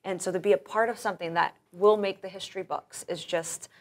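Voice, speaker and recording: Enthusiastic woman, low-pitched and rambling. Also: fairly even intonation, fairly quick. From grew up in Russia, born in Florida. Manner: enthusiastic, rambling with many restarts and fillers. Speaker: guest, professional wrestler. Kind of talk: casual interview.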